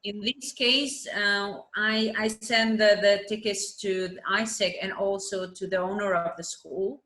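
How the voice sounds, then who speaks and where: A math teacher in her twenties from Albania answers interview questions conversationally in a second language, with an Albanian accent and short phrases repeated for emphasis. Her medium-pitched voice is fairly even, unhurried and fairly bright, in a roomy, echoing recording.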